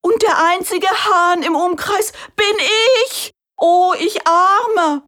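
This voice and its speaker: A woman voicing an excitable male rooster in a storybook reading, with a shrill, crowing voice and an overexcited, dramatic way of talking. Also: a little slow.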